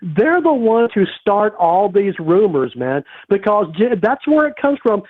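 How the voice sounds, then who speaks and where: High-voiced man ranting over a phone line. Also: unhurried, no room sound. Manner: animated ranting, repeats "man". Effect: heard over a phone line. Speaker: caller to a sports show. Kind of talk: casual phone-in rant. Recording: tinny phone line, dry.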